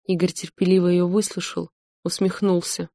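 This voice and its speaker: A woman narrating an audiobook novel in an even, measured storytelling manner. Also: on the low side, dry recording, clean studio sound. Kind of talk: scripted narration.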